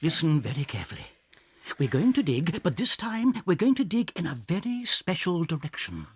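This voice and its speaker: A sly, tender father fox in an audio drama. His breathy voice is very animated and expressive, reassuring in manner. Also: a little high, moderate pace. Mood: determined. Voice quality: husky, breathy. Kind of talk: audiobook radio-play acting.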